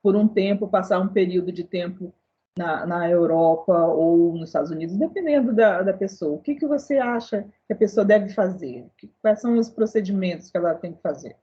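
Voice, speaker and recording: A woman's voice: on the low side, a little fast, highs cut off. A woman hosting a casual interview, chatty and asking long, winding questions. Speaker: interview host.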